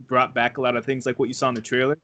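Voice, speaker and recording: A man's voice: medium pitch, little pitch movement, very fast, sharp tone. Laid-back male podcast co-host. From Trinidad. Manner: laid-back, laughs often, quotes scenes. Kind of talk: casual movie review chat.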